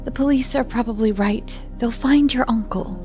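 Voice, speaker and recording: Casting: woman playing worried, soothing relative, soft near-whisper, slow, audio story. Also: mid-range voice, vocal fry, soft background music. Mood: anxious reassurance. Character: anxious older relative gently reassuring a boy. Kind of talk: dramatic storytelling.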